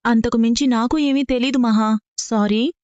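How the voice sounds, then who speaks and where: A woman's voice: fairly high pitch, fairly even intonation, moderate pace, darkish tone, clear, resonant tone, no room sound, muffled recording, lightly acted. An actress playing a cool, guarded young woman who answers evasively. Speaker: actor in a TV serial. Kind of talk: TV serial acting.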